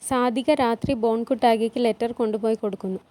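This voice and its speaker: A woman's voice: a little high, steady tone, fairly quick, dark tone. A woman retelling a TV drama as a story, reading every character's lines in her own voice and rising for cries and pleas. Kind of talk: storytelling narration with voiced dialogue.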